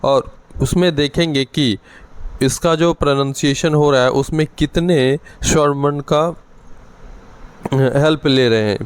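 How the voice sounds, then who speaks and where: A man with an Indian English accent teaching an exam-prep lesson, slow and deliberate, switching between Hindi and English. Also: mid-range voice, clear, resonant tone, rough recording.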